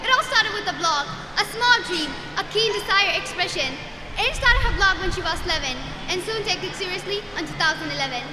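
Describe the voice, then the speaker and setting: A woman's voice: very high-pitched, expressive, a little fast. A young woman giving a memorized introduction on stage as a student presenter. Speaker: student presenter of a recitation team. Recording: echoey hall with music and crowd.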